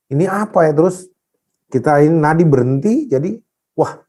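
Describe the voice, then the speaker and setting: A pastor telling a dramatic personal testimony in an interview, animated, rising at times to loud prayer. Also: male voice, a little high, moderate pace.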